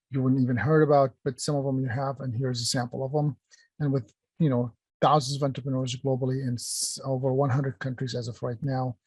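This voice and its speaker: Middle-aged male workshop presenter from Palestine, mid-pitched and chatty, full of fillers, speaking on a dry close mic. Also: a little mellow, no room sound. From Palestine, raised in Kuwait. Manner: conversational, many fillers and restarts, addresses chat. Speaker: workshop presenter, company founder.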